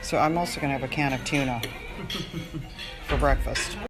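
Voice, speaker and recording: A woman with an extremely low-pitched voice films social media stories on the go around a tennis centre, chatting to her followers at a moderate pace. She's candid, opinionated, and emphatic, and the noisy handheld recording has music in the background.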